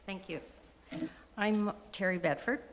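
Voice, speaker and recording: A woman's voice: mid-range voice, unhurried, a little hiss or hum. A woman from Wasaga Beach in Ontario, Canada, making a chatty public comment at a council meeting, with restarts and asides. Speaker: resident speaking at public meeting. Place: council chamber. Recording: council chamber with long reverb.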